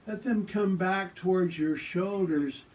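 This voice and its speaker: A man with a fairly high, mellow voice teaches tai chi and qigong. He gives calm, soothing cues for each movement, relaxed and instructive. He is recorded some distance from the microphone. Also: slow pace.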